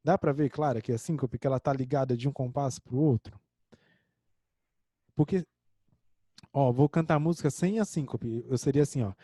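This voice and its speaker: A man's voice: mid-range voice, moderate pace, long pauses, mellow, slightly rough, dry recording. A man with a Brazilian Portuguese accent teaching an online music theory lesson, explaining a score step by step and singing short examples.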